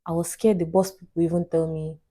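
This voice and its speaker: A young woman tells a personal story straight to camera, chatty and emphatic. Her voice sits low and mellow with a slightly husky edge. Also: level tone, fairly quick. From Nigeria. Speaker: vlogger.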